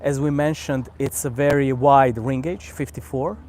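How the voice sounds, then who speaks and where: Croatian-accented male host, laid-back outdoor chat, mid pitch, faint ambience behind. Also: a little hiss or hum. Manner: relaxed, unhurried, repeats words while thinking. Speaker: cigar channel host. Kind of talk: casual live-stream chat. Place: outdoors on a vacation island by the sea.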